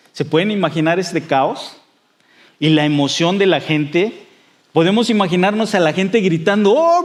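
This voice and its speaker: Man, pastor, sermon, fairly high voice, conversational, lots of fillers and restarts, acts out quoted voices.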